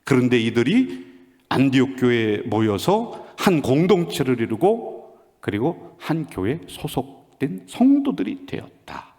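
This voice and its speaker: A male senior pastor preaching a sermon in an animated, rhetorical way, often calling out to the congregation directly. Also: mid-range voice. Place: church sanctuary. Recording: long reverb of a church sanctuary.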